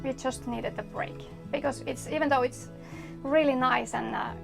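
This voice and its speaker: A woman's voice: high-pitched, steady tone, moderate pace, creaky. A woman from Finland, a native Finnish speaker, chatting casually in English as an interview guest. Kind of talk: casual conversation. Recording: music in background.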